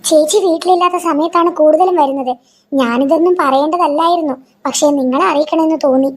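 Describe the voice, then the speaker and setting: A woman voicing a scheming, gossiping neighbor woman who talks in a hushed, confiding way. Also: sits high, fast talker, natural voice.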